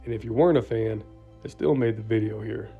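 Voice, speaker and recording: A man's voice: on the low side, fairly quick, gravelly. A man narrating a travel vlog in a scripted voice-over, informative with dry asides. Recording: dull lo-fi voice-over with music.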